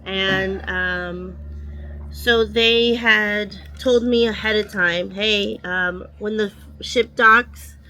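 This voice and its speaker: A woman talking through a sit-down vlog, hesitant and soft-spoken with many pauses and "um"s. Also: medium pitch. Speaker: vlogger, wife. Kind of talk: casual sit-down vlog talk.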